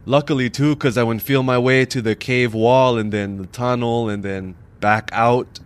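A man voicing an excitable young local man with a Hawaiian Pidgin accent in an audio story, with slangy, pidgin-tinged delivery. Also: mid-range voice, normal speed, clear, resonant tone, close to an everyday voice. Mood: spooked.

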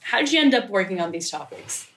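A woman interviewing a researcher, asking measured questions and adding brief backchannel replies. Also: medium pitch, big pitch swings, fairly bright tone.

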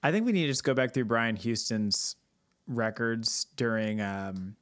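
A man's voice: mid-range voice, measured pace. Joking, profane male podcast co-host. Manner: joking, profane, laughs often. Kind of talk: casual chat.

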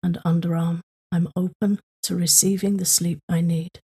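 Guiding listeners toward sleep with tapping, a woman speaks slow, calming prompts that repeat. Her tone stays flat and even, and her low, mellow voice is strongly airy and breathy.

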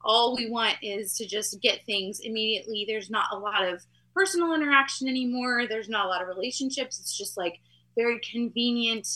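A young woman from Texas, a band's singer-songwriter, telling her story in a chatty, relaxed way. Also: fairly high pitch, fairly quick. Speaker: band singer-songwriter, guest. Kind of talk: casual interview chat.

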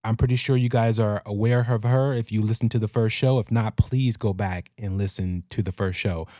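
A man hosts a talk show casually in a fairly low, soft-edged mellow voice. The sound is dry and close. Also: fairly even intonation, moderate pace, no echo. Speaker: podcast host.

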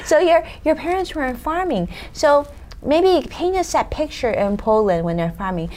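A woman's voice: high voice, animated, moderate pace, a little mellow, slight background noise. A woman hosting an interview show, asking her guest eager, enthusiastic questions. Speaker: show host.

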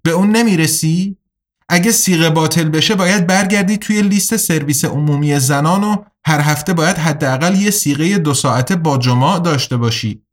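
A woman's voice: low-pitched, lightly acted. A man voicing a weary, stern female coach and supervisor in an audiobook, speaking in a guarded, worried way. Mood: firm, worried.

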